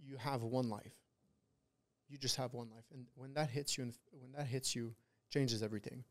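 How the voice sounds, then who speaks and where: A man's voice: medium pitch, steady tone, moderate pace, fairly bright tone. A man talking like a frat bro in a casual motivational podcast chat, emphatic and preachy, repeating his points for weight. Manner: frat-bro talk, peppered with bro, dude and swearing; emphatic, repetitive, preachy pep talk. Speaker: podcast guest, trader who runs a trading community.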